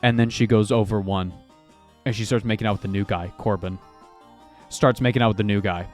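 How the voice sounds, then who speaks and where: A man streaming live while he paints miniatures, chatting casually and swearing freely, with sudden loud bursts of excitement. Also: fairly low pitch, brisk, soft background music.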